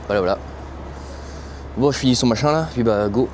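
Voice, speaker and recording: Chatty young French trucker, outdoors. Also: male voice, mid-range voice, fairly quick, a little mellow, a little hiss or hum. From France. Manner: slangy, chatty, talks straight to his viewers. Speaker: truck driver vlogger. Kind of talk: casual vlog chat. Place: truck stop outdoors, cold and windy.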